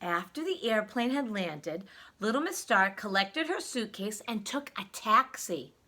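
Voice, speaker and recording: Reading to young children at a measured pace, a woman uses a mid-range voice, expressive delivery, dramatic emphasis and questions for whoever is listening.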